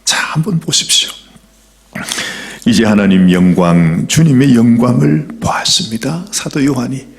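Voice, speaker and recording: A middle-aged man preaching a sermon as pastor, dramatic and swinging between loud calls and soft whispers. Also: mid-range voice, lively intonation, unhurried.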